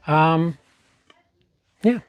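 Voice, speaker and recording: A man's voice: fairly high pitch, very slow, clear, resonant tone, dry recording, highs cut off. A man hosting a casual live stream, greeting viewers by name and spelling out chat commands.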